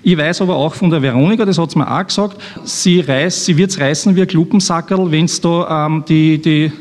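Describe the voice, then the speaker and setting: A man's voice: a little high, normal speed, darkish tone. An Austrian man, an author introducing a reading at a live event, talking in a rambling, self-mocking way with many restarts. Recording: long hall reverb.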